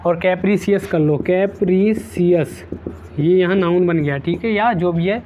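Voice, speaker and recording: A man's voice: high-pitched, a little slow, mellow, a little hiss or hum. A man teaching an exam-prep vocabulary lesson, repeating each word several times and using playful memory tricks.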